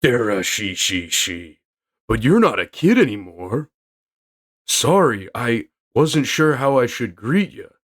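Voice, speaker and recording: A man voicing a big, gentle old male giant who speaks lower and quieter, with a slow chuckling laugh. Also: very animated, heavily acted. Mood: fond.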